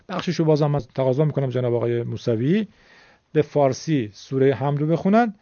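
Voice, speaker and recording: A man's voice: a little high, mellow, dry recording, muffled recording. A man teaching a lesson on vowel pronunciation, explaining patiently and demonstrating sounds by drawing out and repeating words.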